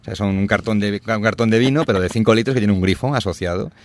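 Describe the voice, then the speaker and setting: A deep-voiced man hosts a casual radio program. He rambles through anecdotes in an easy, chatty way, picking up speed when a story gets good. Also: fast talker, no room sound. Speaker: radio show host.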